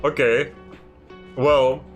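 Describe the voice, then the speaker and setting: A man streaming a video game, ranting and swearing in exasperated, loud commentary about the story. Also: mid-range voice, level tone, very slow, faint music behind. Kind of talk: live gameplay commentary.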